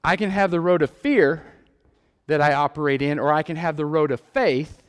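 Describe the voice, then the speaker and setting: A man with a Texan accent giving an earnest sermon-style testimony, repeating words and building to loud emphatic peaks. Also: fairly high pitch, moderate pace, smooth. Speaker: lay preacher. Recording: long hall reverb.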